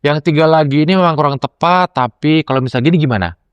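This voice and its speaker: Lively storytelling man, smooth voice. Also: fast, no room sound, dull audio. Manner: animated, acts out quotes with rising pitch. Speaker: lecturer and podcast guest. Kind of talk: casual storytelling chat.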